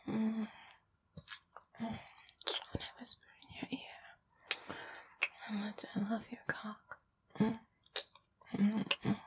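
A woman whispers softly and slowly right at the microphone, her voice breathy and intimate. Her tone sits a little high but stays flat and even, with murmured hums between phrases. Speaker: erotic audio performer.

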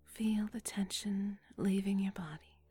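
A woman whispering a slow, soothing guided relaxation script in a breathy, hushed voice. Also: mid-range voice, steady tone.

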